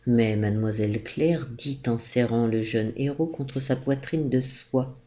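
Slow, mellow woman storyteller. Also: extremely low pitch, lo-fi sound. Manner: expressive, measured storytelling. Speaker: audiobook reader. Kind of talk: storybook reading.

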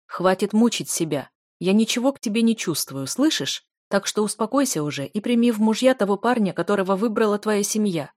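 A woman voicing a cold, aloof young male dark mage who speaks curtly and dismissively. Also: mid-range voice, expressive, brisk, few pauses, no echo, studio quality, lightly acted. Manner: curt, dismissive, restrained.

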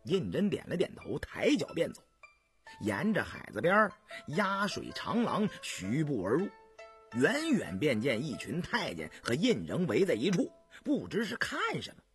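A man narrating a historical novel as an audiobook in an expressive storyteller style. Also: a little high, normal speed, soft background music.

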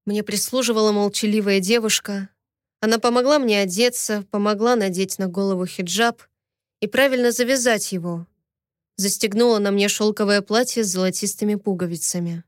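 A woman's voice: mid-range voice, steady tone, a little fast, no room sound, clean studio sound. A woman narrating a first-person audiobook with an emotional, dramatic reading.

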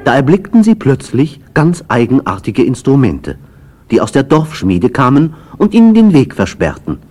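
A man narrating a children's storybook in a lively, expressive way, over background music. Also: medium pitch, moderate pace. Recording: music playing behind the voice.

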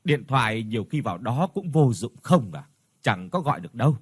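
A man's voice: mid-range voice, big pitch swings, a little fast, breathy edge, no echo, clean studio sound. A man voicing an elderly male inn owner who warns young travellers in a half-joking, teasing way. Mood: warning. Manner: teasing yet cautioning.

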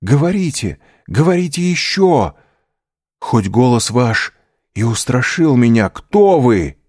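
A man's voice: medium pitch, big pitch swings, slow, a little mellow, breathy edge, no room sound, studio quality, voice pushed up, full character voice. A man voicing a desperate young prisoner, pleading. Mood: urgent. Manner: anguished, imploring outcries.

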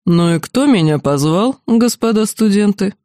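Woman reader as big male demon: deep bass, calm, mildly amused. Audiobook. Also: moderate pace, dry recording, studio quality, lightly acted.

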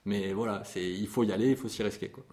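Low-voiced man in his forties, hesitant. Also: quick pace, dark tone. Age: 40s. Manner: hesitant, many fillers and restarts; passionate about his trade. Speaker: music publisher. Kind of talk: interview conversation.

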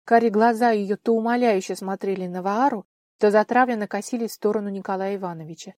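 A woman's voice: mid-range voice, no echo, studio quality. Woman reading a fantasy audiobook. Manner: expressive, measured. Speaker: audiobook narrator. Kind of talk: scripted narration.

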